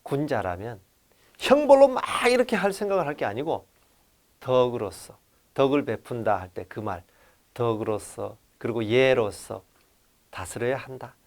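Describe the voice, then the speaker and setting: A man giving a lively lecture on classical texts, speaking straight to his audience and switching between polite and casual speech. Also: mid-range voice, normal speed.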